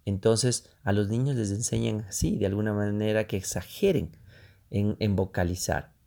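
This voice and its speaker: A man giving a public speaking lesson, unhurried, repeating phrases and pausing with fillers. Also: lowish voice, fairly even intonation, creaky, dark tone. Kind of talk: instructional talk.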